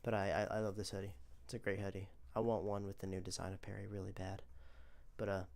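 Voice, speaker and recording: A young man casually commenting on his own animations, rambling and excitable. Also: low voice, fast talker, creaky. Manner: rambling, excitable, self-praising.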